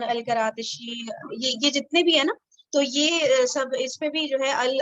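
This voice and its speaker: A woman with a high voice leads an online study group, explaining each grammar point patiently and pausing often to check that everyone follows. She is from Pakistan. Her voice comes through dry and muffled, like call audio. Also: fairly bright tone, no echo. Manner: explains patiently, keeps checking understanding with "theek hai?".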